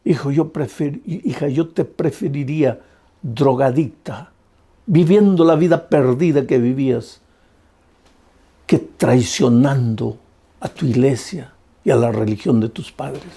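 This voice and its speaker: A woman's voice: very deep voice, measured pace, mellow, slightly rough, pitched below the performer's own voice, full character voice. A man voicing a stern, indignant mother who scolds her daughter in disbelief. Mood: cold. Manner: scolding, incredulous.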